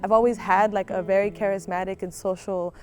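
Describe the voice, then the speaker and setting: A woman's voice: mid-range voice, steady tone, brisk. A young woman student and activist talking casually in an interview outdoors on a campus. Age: young adult. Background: background music.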